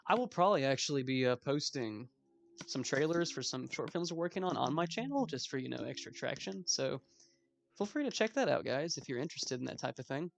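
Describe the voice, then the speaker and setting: A man's voice: mid-range voice, animated, a little fast, gravelly. A 21-year-old man giving casual gameplay commentary as a let's play host, rambling with self-mocking asides.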